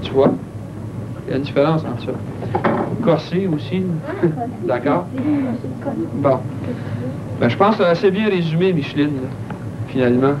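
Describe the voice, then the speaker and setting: A man's voice: a little high, moderate pace, pauses often. A man with a Québécois accent, a primary school teacher, explaining to his class in an encouraging way. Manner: encouraging, explaining, uses fillers like tu sais. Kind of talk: classroom discussion. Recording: dull old recording with clear background noise.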